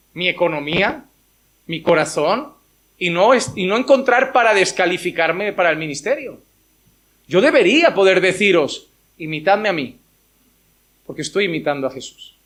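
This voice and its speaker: A man's voice: sits high, fairly bright tone. A male pastor preaching a sermon in a church, emphatic, with rhetorical questions and voices acted out as quotes.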